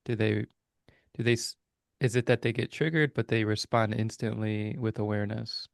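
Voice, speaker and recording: A man's voice: fairly low pitch, fairly even intonation, moderate pace, creaky, dry recording, studio quality. A man co-hosting a reflective spiritual podcast, musing aloud and searching for his words with many hesitations. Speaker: podcast co-host. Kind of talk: casual reflective conversation.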